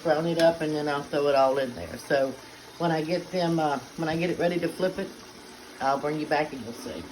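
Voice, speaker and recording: This middle-aged woman talks through her cooking in a chatty, homey way, with plenty of "uh" fillers along the way. She is recorded in a home kitchen, with clear background noise underneath her voice. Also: sits low, brisk. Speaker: home cook. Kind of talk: casual cooking demonstration. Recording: noisy home kitchen ambience.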